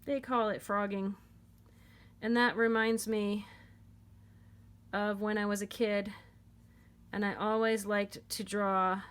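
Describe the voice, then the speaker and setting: A woman's voice: mid-range voice, a bit bright. Woman, knitting teacher, casual home tutorial, chatty, playful, repeats herself.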